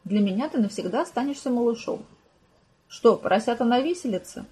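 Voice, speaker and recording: A woman reading an audiobook, voicing a cheerful, eccentric elderly mother who talks in a chirpy, brisk way. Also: on the high side, expressive, warm tone, slightly rough. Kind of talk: audiobook character voice.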